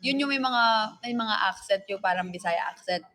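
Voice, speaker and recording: A woman's voice: mid-range voice, moderate pace, pushed and bright. A woman from the Philippines hosting a livestream in casual chat, talking freely and often trailing off to restart a thought. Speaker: livestream host.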